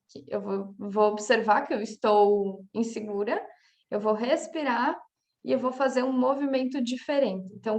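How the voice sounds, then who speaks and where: Her voice sits on the high side and is a little mellow; she's a coach with a Brazilian Portuguese accent leading a casual spoken lesson. Examples carry the class, punctuated by many "tá?" checks.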